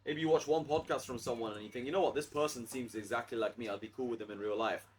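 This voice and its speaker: A man's voice: medium pitch, fast, slight background noise. A man speaking as a guest on a podcast, fluent and confident as he tells stories. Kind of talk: casual chat.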